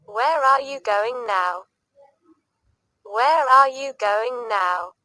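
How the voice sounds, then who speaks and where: Slow, bright woman drilling English phrases. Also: on the high side, no room sound. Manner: reads each sentence twice, clearly and deliberately. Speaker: English teacher.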